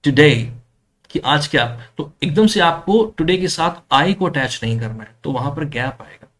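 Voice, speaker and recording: A man whose first language is Punjabi, teaching an English exam class and slowly repeating example words for his students. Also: fairly high pitch, lively intonation, a bit bright. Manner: explains step by step, repeats words slowly for practice, mixes English into Hindi. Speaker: IELTS teacher. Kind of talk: online English lesson in Hindi.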